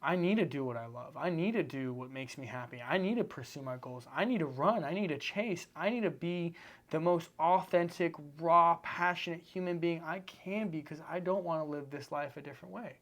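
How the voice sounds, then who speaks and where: A man's voice: fairly high pitch, moderate pace, fairly bright tone. A man from Seattle, a podcast guest, talking earnestly in a casual interview with repetitive, emphatic phrasing. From Seattle, United States.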